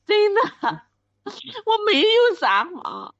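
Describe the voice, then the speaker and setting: A woman's voice: very high voice, big pitch swings, slow, fairly bright tone, no echo, full character voice. Give me a woman playing a whiny, wronged wife in a comic radio skit, in a dry, dull recording. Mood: insistent. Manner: wailing, pleading, whiny. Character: wronged wailing wife of ten years.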